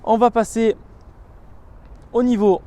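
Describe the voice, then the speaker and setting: A man with a fairly high voice walks around a car and presents it in a relaxed, chatty way. He lists feature after feature, linking them with fillers, and leans eagerly into the parts he likes. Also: takes it slowly, heavy background noise. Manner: chatty and descriptive, listing features with many connecting "donc"s and "euh"s. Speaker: car reviewer. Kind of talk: casual walkaround presentation of a car.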